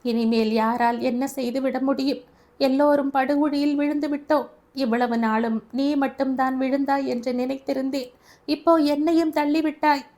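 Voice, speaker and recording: A woman doing a shrill, wailing old grandmother. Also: steady tone, unhurried, a little mellow. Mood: bitter.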